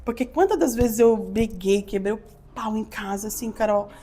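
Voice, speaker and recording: A woman's voice: medium pitch, normal speed, dark tone. A Brazilian woman giving an emotional podcast testimony, acting out her own quotes as she tells the story. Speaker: podcast guest.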